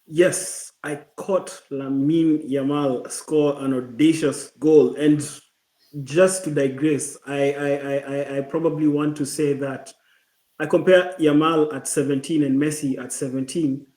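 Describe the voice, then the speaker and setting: A man co-hosting a casual football chat, talking in a hesitant, considered way with many pauses and restarts. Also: a little high, fairly even intonation, warm tone, echoey room.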